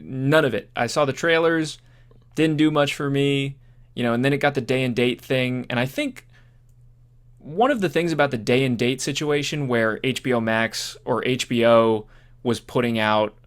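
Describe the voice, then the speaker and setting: A podcast co-host chats casually about films in a rambling, conversational way. His voice is mid-range and smooth, at a normal speed.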